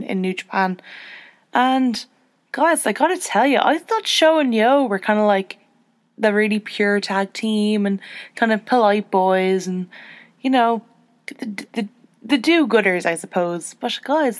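A woman's voice: measured pace, no echo. Chatty woman podcast host. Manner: chatty, self-deprecating, jumps in pitch when excited. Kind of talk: casual chat.

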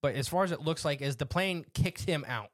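A man's voice: on the high side, expressive, brisk, slight background noise. A man co-hosting a podcast in casual chat, rambling, laughing often and trailing off mid-sentence. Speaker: co-host.

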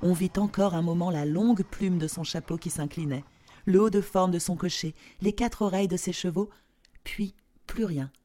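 A woman narrating a storybook tale in a slow, expressive telling. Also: lowish voice.

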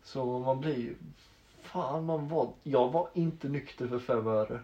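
A man's voice: medium pitch, dark tone. A young man co-hosting a casual podcast, telling stories with laughter and plenty of swearing. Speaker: podcast co-host. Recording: roomy, dull lo-fi sound.

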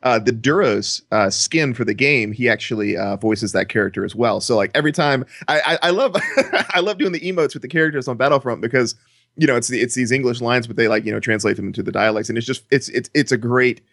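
Man, mid pitch, excitable co-host, stumbling repeats, dry close mic. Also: fast, no echo. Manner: excitable, stumbling over words. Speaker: podcast co-host. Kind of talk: podcast chat.

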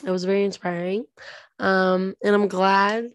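A young woman with a slightly raspy voice co-hosts a podcast, chatting in a bubbly, effusive way. Her voice sits at a middling pitch, recorded dry with no room sound. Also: little pitch movement, measured pace, no room sound. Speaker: podcast co-host. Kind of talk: casual chat.

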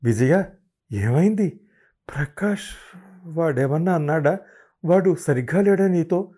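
A man voicing an affectionate, protective older mother-in-law in an audiobook reading, coaxing and quick to worry. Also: medium pitch, expressive, dark tone, lightly acted. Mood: worried. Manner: coaxing, worried, quickly indignant.

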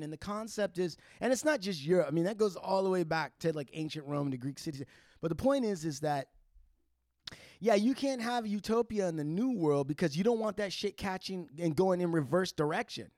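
High-voiced man explaining things in casual chat. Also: a little mellow, no room sound, clean studio sound. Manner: emphatic storytelling with casual swearing and checking "right?". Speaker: podcast co-host explaining history.

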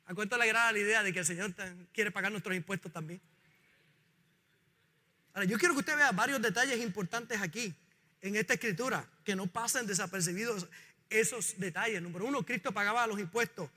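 A man preaching a sermon as pastor, animated and drawing responses from the congregation. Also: sits high, fairly quick, in a large hall. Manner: animated preaching, calls on the congregation to repeat lines.

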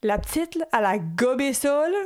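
A young woman with a Quebec French accent telling a story in casual chat, animated and mixing English words into her French. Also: high voice, fairly quick.

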